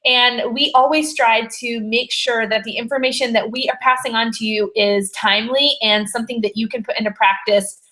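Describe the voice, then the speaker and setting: A woman leads a weekly training webinar over a video call, her voice pitched a little high. She talks in a chatty, friendly way, rambling along with fillers as she welcomes everyone. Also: steady tone, normal speed, hardly any pauses, pushed and bright. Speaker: sales director hosting a weekly video call. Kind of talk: upbeat training webinar hosting.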